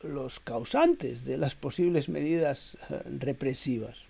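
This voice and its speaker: A middle-aged man delivering a reflective spoken essay in a measured, hesitant way, with frequent "eh" fillers and repeated words. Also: medium pitch, vocal fry, mellow, slightly rough. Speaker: essayist reading his own text.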